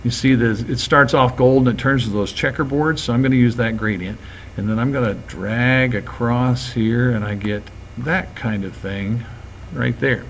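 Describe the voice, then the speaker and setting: Relaxed man narrating a software tutorial. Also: medium pitch, moderate pace, a little hiss or hum. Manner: relaxed, talks through each step as he works. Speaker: graphics teacher. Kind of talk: screen-recorded software tutorial.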